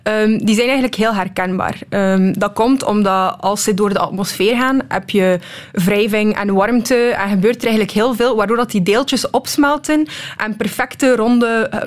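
Female, twenties, Flemish accent. Researcher guesting on an interview, explains informally and pauses to find words. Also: medium pitch. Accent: Flemish Belgian.

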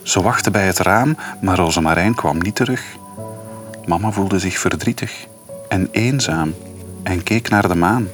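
A man reading a children's story aloud to his daughter in a lively, expressive way. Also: deep voice, unhurried, faint music behind.

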